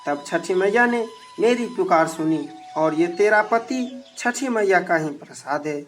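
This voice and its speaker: A narrator voicing a devout old mother-in-law in a devotional folk story, with slow, earnest delivery. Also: medium pitch, expressive, faint music behind, close to an everyday voice. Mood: gentle.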